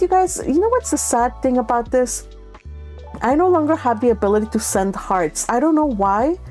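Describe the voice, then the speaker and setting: A woman with a slightly high, somewhat mellow voice hosts a live read-along. She chats with her viewers in a casual, affectionate, giggly and informal way.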